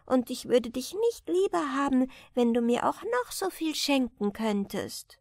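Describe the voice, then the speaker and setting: Woman reader doing a gentle, high-voiced little girl, loving and earnest, storybook. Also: big pitch swings, a little slow, creaky, no echo, studio quality, heavily acted. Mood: pleading. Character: sweet devoted young girl, gentle and loving.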